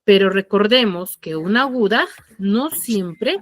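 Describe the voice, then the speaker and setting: A woman teaching an online class, asking her students question after question and explaining slowly with emphasis. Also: mid-range voice, animated, no room sound.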